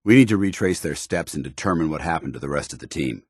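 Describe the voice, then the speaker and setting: A stern, loyal paladin soldier in a video game. His voice is deep and gruff, a little husky, recorded dry and close. He speaks in clipped, commanding, formal military phrases. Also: expressive, fast talker, darkish tone, dry recording, full character voice. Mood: steady, businesslike. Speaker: military companion character.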